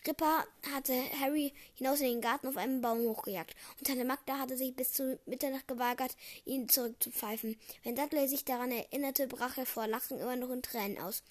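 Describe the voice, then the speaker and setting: A young girl reading a novel aloud, often stumbling over words and correcting herself. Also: high voice. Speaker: reader.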